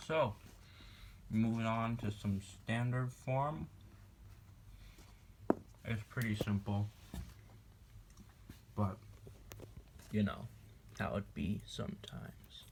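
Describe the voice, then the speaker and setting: Against a noisy background, a teenage boy with a lowish male voice explains a math lesson to a classmate. He stays slow, offhand and playful, writing on paper and snacking throughout this casual walkthrough recorded indoors at home.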